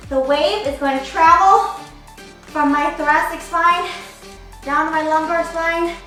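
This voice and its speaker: Her pitch is extremely high, her tone steady, pushed and bright, and she takes her time as she coaches a casual workout demonstration in playful, hyped gym-bro slang. She works as a fitness coach and presenter, and the recording has heavy echo plus background music.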